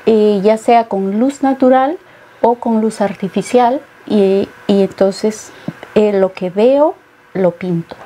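A woman's voice: medium pitch, slow, dark tone, slight background noise. A middle-aged woman from Peru, a painter being interviewed, speaking thoughtfully with many hesitations. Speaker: painter guest. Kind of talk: interview conversation. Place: studio set with bookshelves.

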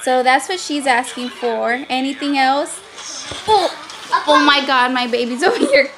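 A woman's voice: high-pitched, a little slow, background noise. A young adult woman chatting casually to camera as a family vlogger, recorded on a phone held at arm's length. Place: home living room, later inside a car at night.

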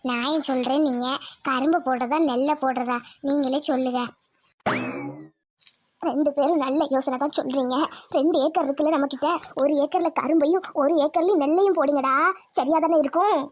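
A woman's voice: sits high, fairly even intonation, brisk, a little mellow, a little hiss or hum. A woman voicing several village women in a cartoon series, talking in emotional, pleading dialogue.

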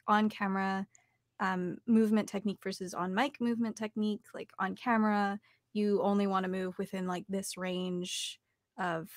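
In studio-quality audio with no room sound, a young adult woman speaks in a mid-range voice. She's a guest in an interview, an audiobook narrator and voice actor recording indoors at her home studio. Her manner is casual and reflective, working through thoughts out loud.

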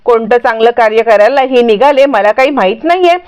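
A woman's voice: on the high side, a little fast, a little mellow, clear, resonant tone, natural voice. A woman voicing a middle-aged husband who is puzzled and teasing, asking question after question. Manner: questioning, bantering.

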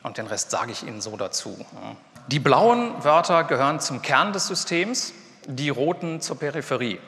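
A man's voice: fairly high pitch, sing-song, normal speed, fairly bright tone. A middle-aged man giving a university lecture in a casual, chatty way, with fillers and asides. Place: lecture hall. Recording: long reverb of a lecture hall.

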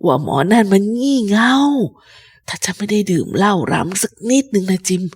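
A woman voicing a sick old male pirate captain who craves rum, talking slowly and low with strain. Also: animated, husky. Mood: pleading. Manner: slow, low, strained speech. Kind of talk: storybook reading.

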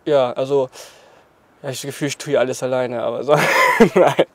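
Interviewed outside by a graffiti wall, a Portuguese man in his twenties who works as a choreographer speaks briskly in a mid-range voice with a steady, fairly bright tone. His talk is casual and punctuated by frequent laughter, and the recording is dry.

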